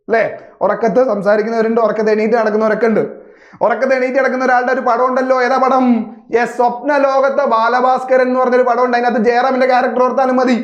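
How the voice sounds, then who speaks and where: A young man teaching an exam vocabulary lesson, asking and answering his own questions and repeating key words. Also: very high voice. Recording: echoey room, slightly dull sound.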